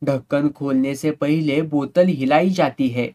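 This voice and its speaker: A man's voice: fairly high pitch, unhurried, warm tone, close to an everyday voice. A man voicing a leering, drunken rich villain who mocks and sneers and slips into Hindi couplets. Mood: menacing.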